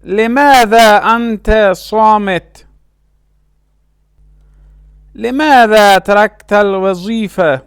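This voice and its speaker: A man teaching a language lesson, saying short phrases slowly and carefully and repeating each word. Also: high voice, clean tone, no room sound, clean studio sound. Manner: slow, careful pronunciation with repeated words.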